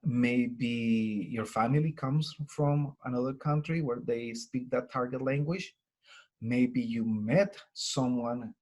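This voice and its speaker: Husky man with a Colombian accent. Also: a little high, a little mellow. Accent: Colombian Spanish. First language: Spanish. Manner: earnest, conversational, frequent fillers. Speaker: language teacher presenter. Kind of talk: webinar presentation.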